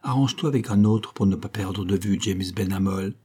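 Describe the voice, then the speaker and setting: A man's voice: on the low side, fairly quick, dark tone, breathy edge. A man voicing a cold, terse police detective who speaks curtly. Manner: curt and dry.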